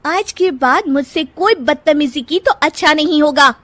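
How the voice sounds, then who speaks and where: A woman voicing a sharp-tongued young wife who argues back in shrill, combative retorts, for a cartoon. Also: a little slow. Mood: defiant.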